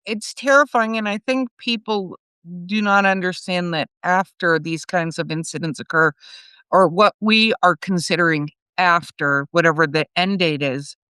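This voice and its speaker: Bright, clear-voiced woman co-host. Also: fairly low pitch, no echo. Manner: reacts with short remarks, earnest. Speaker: podcast co-host. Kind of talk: casual chat.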